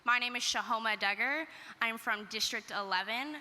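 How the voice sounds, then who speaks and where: A woman's voice: fairly high pitch, pushed and bright. Woman giving a formal introduction in a hall. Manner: formal, measured greeting. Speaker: pageant contestant. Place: event hall stage. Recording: reverberant hall.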